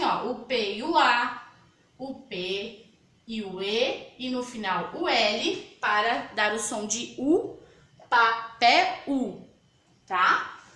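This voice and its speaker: Brazilian woman as a patient teacher for small kids, high voice, echoey room. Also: pushed and bright. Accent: Brazilian Portuguese. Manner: patient, slow, spells out sounds and letters. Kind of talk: children's lesson.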